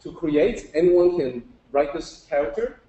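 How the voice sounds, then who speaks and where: The recording is muffled, and the man's warm, slightly high voice has lively intonation and a measured pace. As a teacher in a roomy, echoing live talk, he patiently explains Chinese characters step by step and questions the group.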